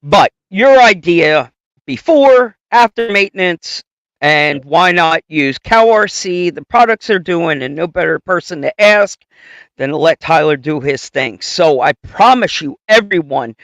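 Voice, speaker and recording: A man hosting a podcast livestream in an upbeat, casual way, talking quickly with fillers. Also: on the high side, expressive, fairly bright tone, dry recording. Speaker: podcast host.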